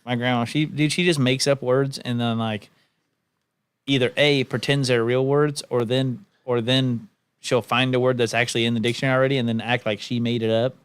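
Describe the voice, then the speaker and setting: A man's voice: medium pitch, fairly even intonation, fairly quick, clear, resonant tone, dry recording. Laid-back male co-host saying dude. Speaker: podcast co-host. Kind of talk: casual profane chat.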